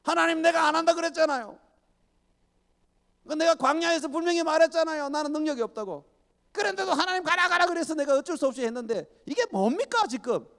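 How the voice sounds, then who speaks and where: A man voicing a frustrated male prophet who complains loudly that he was forced into his task. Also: very high voice, animated, fast, in a large hall, pitched above the performer's own voice, exaggerated voice. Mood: complaining. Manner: whining, protesting.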